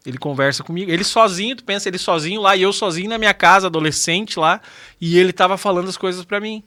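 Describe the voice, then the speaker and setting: A southern Brazilian man in his forties chats as a podcast guest. His voice is bright and forward, pitched a little high, with slightly tongue-tied diction. He repeats phrases for emphasis. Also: fast, no room sound, clean studio sound. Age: 40s. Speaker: podcast guest, radio presenter. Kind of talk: casual conversational interview.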